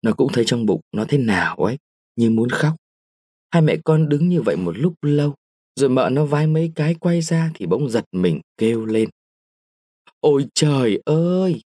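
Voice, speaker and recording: A male audiobook narrator reads a short story with expressive, measured storytelling. His voice is husky and middle-pitched, recorded close in a dry studio. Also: dry recording. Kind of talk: scripted short-story reading.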